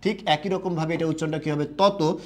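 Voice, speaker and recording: A young man teaching a live online class in a fairly high voice. He poses a question, answers it himself right away, and reads viewers' comments aloud. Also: fairly even intonation, fairly quick, a little mellow, slight background noise.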